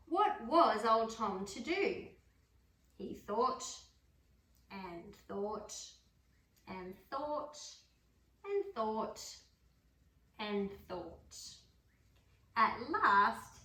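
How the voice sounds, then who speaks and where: A woman reading a picture book aloud to a dog, adding gentle chatty asides between pages. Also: fairly high pitch. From Australia. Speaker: storybook reader. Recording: roomy room, mic far off.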